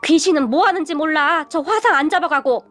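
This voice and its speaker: A woman voicing a stern, quick-tempered older father-in-law in a spoken story. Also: sits high, fairly bright tone, faint music behind. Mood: angry. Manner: stern, firm.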